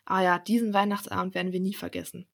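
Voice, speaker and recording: A young woman reading a storybook aloud, voicing a kind, motherly gnome wife who gently scolds her children. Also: lowish voice, flat delivery, fast, creaky. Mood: grateful.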